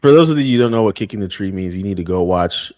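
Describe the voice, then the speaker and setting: A man's voice: fairly low pitch, lively intonation, fast talker, a little mellow. A man co-hosting a podcast in loose, casual chat, joking and swearing freely. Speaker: podcast co-host.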